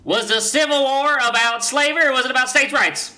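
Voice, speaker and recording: A man puts on a loud, boastful, folksy pundit with a bright, forceful voice that brags and rambles about his dog. He drops homespun slang and laughs at his own jokes, all in an improvised comedy podcast. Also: extremely high pitch, a little fast, voice pushed up, heavily acted. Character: brash folksy conservative man, dog owner. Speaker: recurring comedy character.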